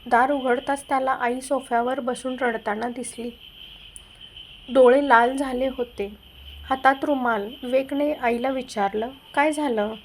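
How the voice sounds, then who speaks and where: A woman narrating a family drama story as a storyteller, in a steady dramatic way. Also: high-pitched, measured pace, slight background noise.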